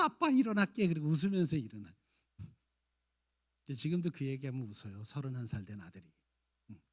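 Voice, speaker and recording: A man in his fifties preaching a sermon, acting out scolding and tender lines in turn. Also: mid-range voice. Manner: acts out parents' and children's lines, jumping between shouts and soft coaxing. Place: church sanctuary.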